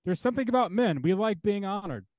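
A man's voice: sits high, lively intonation, quick pace, a little mellow, dry recording, dull audio. A man speaking as an interview guest and theologian, talking earnestly and building his points through repeated parallel phrases.

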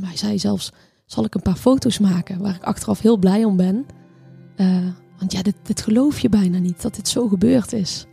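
Husky, gravelly woman recounting a home birth. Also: medium pitch, warm tone, no echo, studio quality. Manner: halting, reflective, many restarts and fillers. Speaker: interviewee telling her birth story. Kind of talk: personal storytelling.

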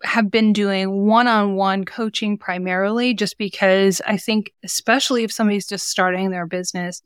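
Woman coach on a podcast, earnest and encouraging, smooth clean voice, super dry sound. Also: medium pitch, steady tone, normal speed, no room sound. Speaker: business coach for mothers, podcast guest. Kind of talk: conversational interview.

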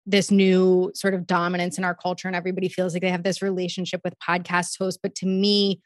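A woman's voice: lowish voice, completely flat delivery, fairly quick, no room sound. Woman podcast host, earnest and gushing, dry close sound. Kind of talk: casual podcast chat.

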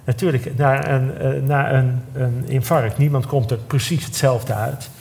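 A man speaks at a mid pitch into a stage microphone, telling a personal story to a live audience. His delivery is emotional and halting, with many restarts and sentences left hanging. A faint hiss sits under his voice. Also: steady tone, vocal fry, darkish tone. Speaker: guest storyteller.

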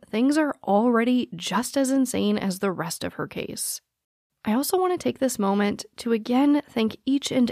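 A woman's voice: medium pitch, darkish tone, no echo, studio quality. A woman hosting a podcast, reading scripted narration in an informal way, speaking directly to the listener. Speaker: podcast host.

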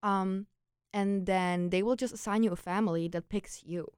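A woman's voice: medium pitch, steady tone, normal speed, a little mellow, clear, resonant tone, no echo, studio quality. A young woman from the Czech Republic with a Czech accent, telling personal stories casually and informally as an interview guest. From Czech Republic, grew up in Prague. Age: young adult. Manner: informal, peppered with "like" and quoted thoughts. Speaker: interview guest, former exchange student.

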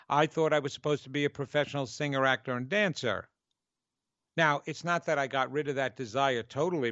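A man's voice: mid-range voice, a bit bright, no room sound, lo-fi sound. A man with a New York accent hosting a spiritual teaching show, speaking conversationally and emphatically, stretching key words. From New York, United States.

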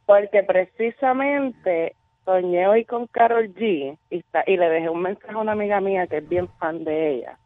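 A woman's voice: medium pitch, moderate pace, no room sound. A woman calls in to a radio show and chattily tells an anecdote. Her voice comes through a tinny, dry phone line. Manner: chatty, animated storyteller. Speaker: radio caller.

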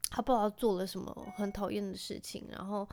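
A woman's voice: medium pitch, steady tone, fast, a little mellow, slight background noise. A woman in her thirties with a Taiwanese Mandarin accent, chatting casually and rambling with many fillers as a podcast host. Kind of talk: casual solo chat.

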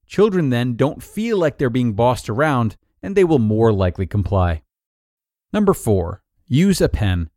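A man narrating an article of numbered tips in a clear, even, scripted read-aloud delivery. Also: medium pitch, measured pace, dry recording, studio quality.

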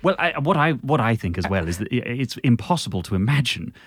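A British man co-hosting a comedy show in casual banter, polite and hesitant, given to measured understatement. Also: medium pitch, sing-song, slightly rough, dry recording, clean studio sound. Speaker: comedy podcast co-host.

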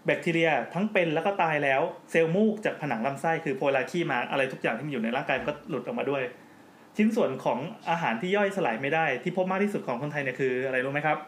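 A podcast host with a slightly high voice talks quickly in casual chat, joking as he explains things at length. The recording sounds roomy, with faint background noise.

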